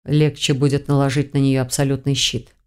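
A woman voicing a calm, composed male healer who speaks quietly and firmly in an audiobook. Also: extremely low pitch, a little fast, smooth, pitched below the performer's own voice.

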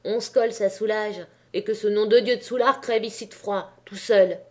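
A woman's voice: a little high, steady tone, normal speed, lightly acted. A woman voicing a coarse miner's wife who swears and scolds, in a storybook reading. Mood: scolding.

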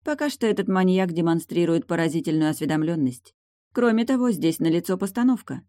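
A woman narrating a crime novel as an audiobook, in an even, measured reading. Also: lowish voice, no room sound, clean studio sound. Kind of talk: scripted narration.

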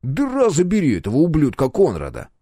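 A man reading an audiobook and voicing a male starship pilot who tries to calm the others down. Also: a little high, fairly quick, no room sound, clean studio sound, voice pushed up. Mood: placating.

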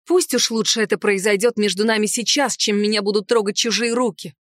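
A woman giving expressive first-person narration of a novel as an audiobook reader. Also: mid-range voice, a little fast, no echo, studio quality.

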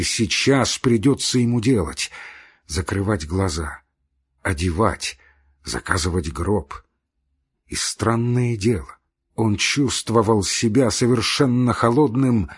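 A man narrating a classic novel in a deep, low register with a very breathy, husky grain. His reading is measured and unhurried, with slow pacing. The steady delivery keeps a calm storytelling tone. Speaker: audiobook narrator. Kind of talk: scripted literary narration.

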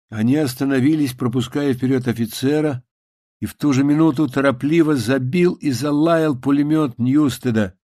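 A man narrates a story in a calm, measured reading voice of middle pitch. He drops lower and quieter for hushed lines. The sound is dry and close, with no room around it. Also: no room sound. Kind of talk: audiobook reading.

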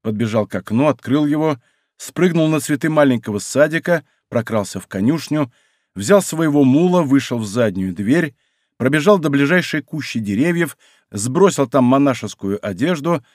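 A man narrating an audiobook in a measured storytelling manner. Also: medium pitch, animated, a little mellow, no echo, studio quality. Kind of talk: expressive audiobook reading.

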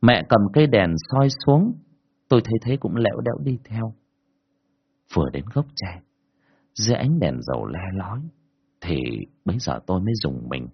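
A man narrating a horror story in an expressive, dramatic way. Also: fairly low pitch, moderate pace, pauses often, breathy edge. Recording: dull lo-fi recording.

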